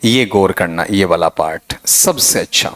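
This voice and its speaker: Lively male English teacher. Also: a little slow. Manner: quizzing students with constant checks, "ok?"; lively, swings high and low in pitch. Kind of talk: exam-prep pronunciation lesson.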